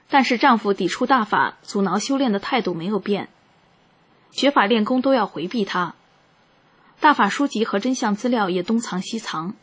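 Husky-voiced woman reading calmly. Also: mid-range voice. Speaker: narrator of a personal account. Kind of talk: scripted first-person narration.

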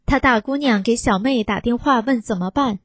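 A woman's voice: fairly high pitch, normal speed, dry recording. A woman reading a first-person testimony aloud in a storytelling manner, acting out the quoted dialogue.

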